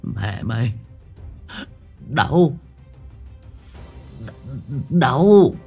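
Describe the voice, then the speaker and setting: A man's voice: mid-range voice, very animated, extremely slow, vocal fry, warm tone, slightly rough, soft background music, pitched above the performer's own voice, full character voice. A man voicing the narrator's young friend, groaning and grumbling in pain.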